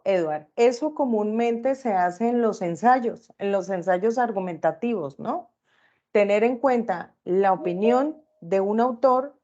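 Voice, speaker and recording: A woman's voice: mid-range voice, dark tone, muffled recording. A woman teaching an online class, often checking in with her students through short tag questions.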